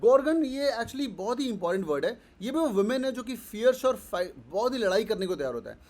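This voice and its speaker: High-voiced teacher, brisk and scolding. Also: male voice. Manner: energetic, scolding, mixes Hindi and English, repeats words. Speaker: online exam-prep teacher. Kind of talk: live online vocabulary class.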